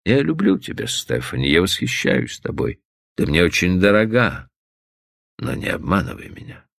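A man reading an audiobook plays a jealous, grave middle-aged lover who speaks low, sullen and restrained. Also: very animated, moderate pace, vocal fry, fairly bright tone, dry recording, clean studio sound, heavily acted. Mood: pleading.

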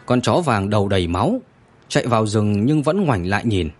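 A man narrating a story in an expressive, dramatic scripted reading. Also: fairly low pitch, brisk.

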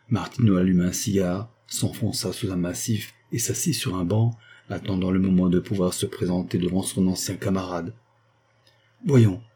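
Male audiobook narrator, lowish pitch, mellow tone, faint hiss behind, reads dialogue with slight lifts. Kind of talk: scripted narration of a novel.

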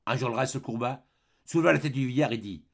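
Gravelly husky man reading an audiobook. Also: medium pitch, fast talker. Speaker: audiobook reader. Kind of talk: scripted audiobook narration.

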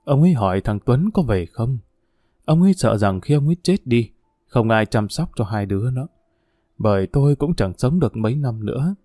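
A man's voice: mid-range voice, lively intonation, normal speed, dark tone, no echo, studio quality, lightly acted. A man voicing a weary old grandmother. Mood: sorrowful. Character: weary old grandmother, stern yet tender. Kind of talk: audiobook character voice.

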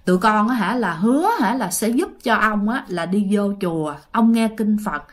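A woman voicing a middle-aged male exorcist who pleads softly. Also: medium pitch, animated, normal speed, natural voice. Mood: pleading. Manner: soft pleading. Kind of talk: told ghost story.

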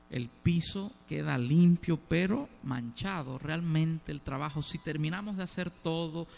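A man's voice: a little high, gravelly. A middle-aged man preaching a sermon, asking the congregation questions and leaning hard on key words.

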